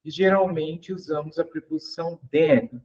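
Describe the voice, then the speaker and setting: A man's voice: a little high, fairly even intonation, unhurried, darkish tone, highs cut off. A man teaching English grammar in an online class. He explains patiently, asks the class questions and repeats each example.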